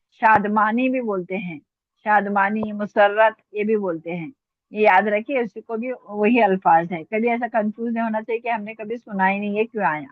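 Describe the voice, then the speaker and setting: A woman's voice: on the high side, dry recording. A woman teaching an online Urdu vocabulary class, patiently repeating words and asking her students questions. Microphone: online class call. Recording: tinny phone-line audio, dry.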